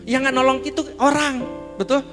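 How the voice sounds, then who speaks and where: A man preaching a sermon as pastor, in a lively, joking way, often calling out to the congregation. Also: very high-pitched, a little fast. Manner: lively, jokey, calls out to the congregation. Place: church hall. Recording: long hall reverb with music behind.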